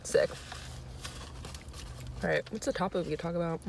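A woman's voice: lowish voice, normal speed, vocal fry, a little mellow, a little hiss or hum. A young woman guest on her sister's casual mukbang chat, easygoing and giggly while she eats. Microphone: phone camera.

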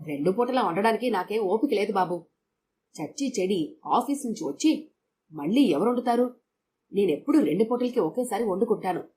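A woman voicing a sharp-tongued young working woman who answers curtly and quickly. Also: medium pitch, lively intonation, a little hiss or hum, lightly acted. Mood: scornful. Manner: curt, quick, snappish.

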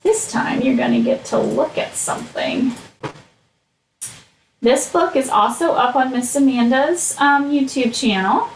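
Slow singsong woman teaching little kids. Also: sits high, very animated, a little hiss or hum. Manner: broad, singsong delivery for little children, with prompting questions. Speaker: early childhood teacher. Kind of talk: online lesson for young children. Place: small furnished room at home. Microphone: computer mic at desk, video call framing. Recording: roomy home computer recording.

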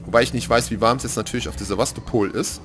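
A man commentating his horror game playthrough, joking and excitable, dropping to whispers when things get tense. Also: mid-range voice, racing. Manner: excitable, jokey, drops to whispers in tense moments. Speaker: let's play commentator. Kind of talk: gaming commentary. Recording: gameplay music playing behind.

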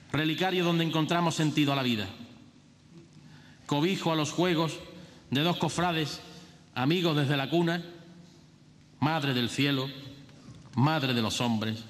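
Echoey, solemn man proclaiming like a herald. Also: medium pitch. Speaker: festival orator giving a Holy Week proclamation. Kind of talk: declaimed religious verse oratory. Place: large theatre stage. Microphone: lectern microphone. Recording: echoey theatre hall, noticeable hiss.

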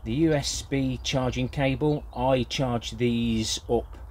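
This older British grandfather, a gardening vlogger, reviews a product casually and without a script, rambling and hesitating. He speaks slowly in a medium-pitched, darkish voice with fairly even intonation, and there is a little hiss or hum.

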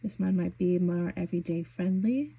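A young woman vlogging about beauty products in a casual, gushing, chatty way, full of fillers and excitement. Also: on the low side, normal speed, gravelly, breathy edge. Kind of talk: casual product swatching chat.

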